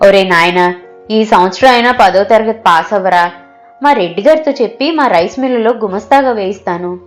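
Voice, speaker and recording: A woman's voice: medium pitch, brisk, faint music behind, close to an everyday voice. A woman voicing a worried older father who pleads with and advises his son. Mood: pleading.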